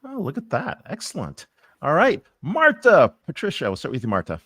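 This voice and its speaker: A man's voice: on the high side, wildly swooping pitch, moderate pace, fairly bright tone, breathy edge, dry recording, clean studio sound. A man co-hosting a talk show over a video call, upbeat and effusive as he introduces guests. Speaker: co-host. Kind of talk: lively show intro chat.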